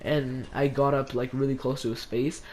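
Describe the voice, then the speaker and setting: Teen guy vlogger, rambling storytime, mid-pitched voice. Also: little pitch movement, moderate pace, a little mellow. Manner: rambling, heavy use of "like". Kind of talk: casual storytime.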